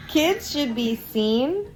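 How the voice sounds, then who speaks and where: A woman with a slightly high, lively voice reads out prompts at a slow, unhurried pace. She laughs often between the lines. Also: low-quality recording. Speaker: quiz host in a game clip. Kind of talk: casual party game.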